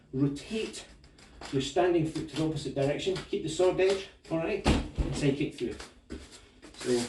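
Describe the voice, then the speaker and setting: In an echoey room with a distant mic, a man with a Scottish accent teaches martial arts, casually narrating the moves as he shows them. His pitch is fairly high, and a slight hiss or hum can be heard.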